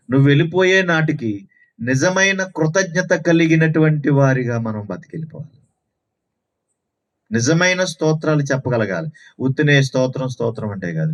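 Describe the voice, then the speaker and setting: A man preaching a sermon at a Sunday house meeting, telling stories and asking rhetorical questions with lots of repetition. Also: medium pitch. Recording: dull lo-fi recording.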